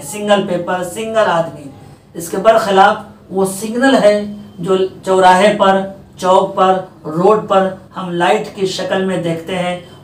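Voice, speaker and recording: A male teacher giving a pronunciation lesson to students, repeating each word slowly to set the right form against the wrong one. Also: high voice. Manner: deliberate, repeating words to contrast right and wrong forms. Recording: roomy, distant mic, faint background noise.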